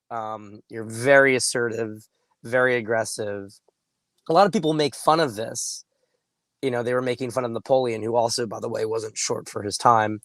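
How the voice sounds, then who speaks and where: A man hoarse with laryngitis, sounding muffled, gives casual coaching advice in deliberate, emphatic phrases, now and then clearing his throat. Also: mid-range voice, fairly bright tone, dry recording. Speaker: dating coach and host. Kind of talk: casual straight-to-camera advice talk.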